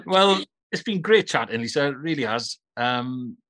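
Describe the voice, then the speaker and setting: A man hosting a podcast interview over a call, relaxed and friendly, often repeating words as he starts a question. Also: mid-range voice, moderate pace, no room sound. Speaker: podcast host. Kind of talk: casual interview chat.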